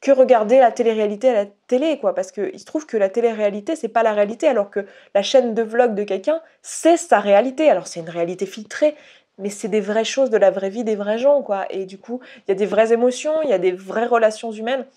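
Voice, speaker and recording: A young woman from Haute-Savoie chats straight to camera in a relaxed vlog. She talks candidly and loosely, restarting sentences and leaning on fillers. Her voice sits in an ordinary middle pitch. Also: fast talker. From Haute-Savoie, France. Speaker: YouTuber. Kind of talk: casual vlog monologue.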